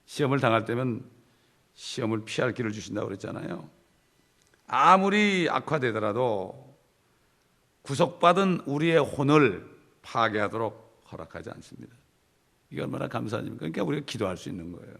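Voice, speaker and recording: A middle-aged man preaches a Bible study with a gravelly, creaky edge to his voice. He leans into his points emphatically and speaks in a conversational way, often addressing the congregation directly. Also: mid-range voice, lively intonation, moderate pace, fairly bright tone. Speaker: pastor.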